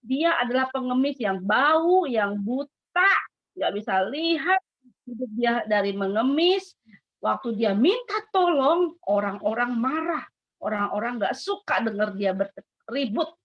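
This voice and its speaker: Woman doing a school devotion for kids, animated storyteller, keeps asking them questions, high pitched. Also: measured pace. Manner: animated, asks the children questions. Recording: dull lo-fi sound.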